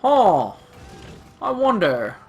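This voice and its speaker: A man's voice: high voice, huge pitch swings, drawn-out words, soft background music. A man giving casual, rambling gameplay commentary, playfully talking to himself and the game. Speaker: let's-play gamer.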